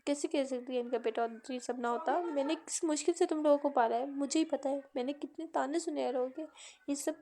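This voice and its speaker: A woman's voice: high voice, a little fast, mellow. A woman voicing a grieving middle-aged mother who has been crying, in a plainly read novel. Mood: tearful.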